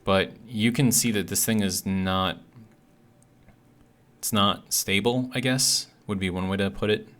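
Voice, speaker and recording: His voice sits on the low side, steady in tone and slightly bright, moving at a measured pace. He's the host of a gaming video series, giving casual, hesitant think-aloud commentary, and a healing bitten tongue makes his speech slightly awkward.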